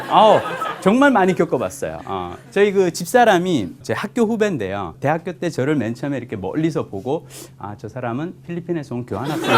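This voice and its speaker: Animated man giving a humorous talk. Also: fairly high pitch, noisy background. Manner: animated storyteller acting out pickup lines. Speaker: drama producer giving a talk. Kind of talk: humorous talk to a live audience. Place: stage in front of an audience.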